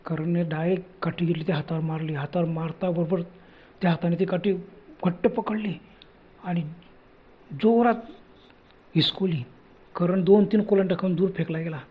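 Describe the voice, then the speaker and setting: A man's voice: high-pitched, steady tone, moderate pace, long pauses, breathy edge, narrow, tinny audio. A man telling a horror story in a dramatic, exclamatory way.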